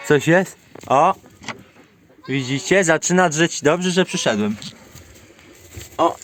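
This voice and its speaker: A man's voice: a little high, expressive, slow pace, fairly bright tone, a little hiss or hum. A man filming his farmyard outdoors while feeding the animals, chatting casually and scolding and coaxing them. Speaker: farm vlogger.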